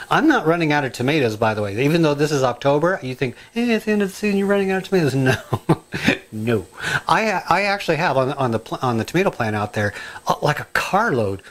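A middle-aged man chatting casually in his home kitchen, rambling and excitable, full of asides and ums. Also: medium pitch. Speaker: home cooking and gardening vlogger.

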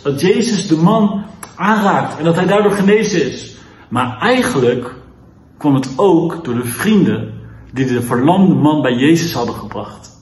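Expressive man reading a kids' Bible story. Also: sits high. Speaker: children's church leader. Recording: echoey room.

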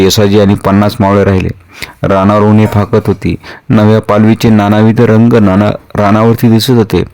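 A man's voice: on the low side, darkish tone. A man reading a historical novel aloud as a storyteller, narrating dramatically and voicing the dialogue.

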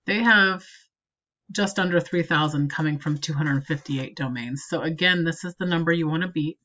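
A woman marketing consultant walking a client through an SEO review with a screen recording, in a steady and practical way. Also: low-pitched, moderate pace, dull audio.

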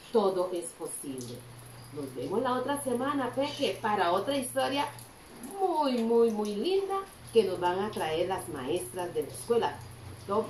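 A woman teaching a Bible story to children in Sunday school, telling it with lively expression and asking the kids questions along the way. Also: mid-range voice. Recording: roomy echo, distant mic, faint background hum.

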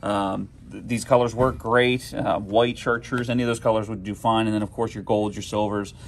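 A man's voice: on the low side, steady tone, moderate pace, slight background noise. A young man working at a tackle shop, giving easygoing practical fishing advice with frequent ums. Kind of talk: casual shop fishing report. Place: inside a tackle shop, amid glass display cases.

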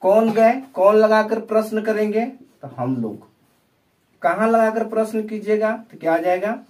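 A man's voice: high voice, a little mellow, recorded from a distance. A male teacher giving an English grammar lesson in Hindi, who keeps asking questions and answering them himself. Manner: slow, repetitive, asks and answers his own questions. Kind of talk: classroom lesson explaining tenses.

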